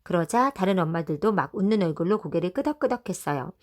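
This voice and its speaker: A woman teacher reading a children's storybook aloud, with a lively, expressive telling. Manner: lively, voices the mothers with quick pitch jumps.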